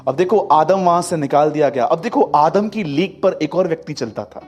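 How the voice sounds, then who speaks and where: A man preaching a sermon, telling stories and swinging between loud and hushed delivery. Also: on the high side, moderate pace, highs cut off, faint music behind. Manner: lively storytelling, acting out quotes, swings from loud to hushed. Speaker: pastor.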